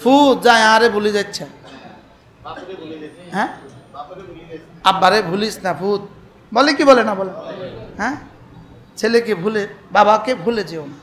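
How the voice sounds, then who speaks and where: A man's voice: high voice, measured pace, pauses often, a bit bright, reverberant. A man preaching a fervent waz sermon, calling out questions for the crowd to answer. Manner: fervent, call-and-response with the crowd. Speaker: Islamic preacher. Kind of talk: emotional Bengali waz sermon.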